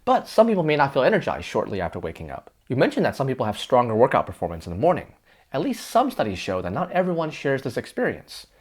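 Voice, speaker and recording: The host of an explainer sketch, a man with a mid-range voice, talks quickly with huge pitch swings. He plays several versions of himself in a scripted, conversational debate, arguing back and forth with himself.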